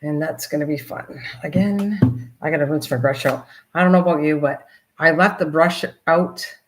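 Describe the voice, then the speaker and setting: An older woman with a deep voice hosts a casual craft livestream, speaking at a normal speed on a rough recording. She's chatty and rambling, talking to herself and her viewers as she works.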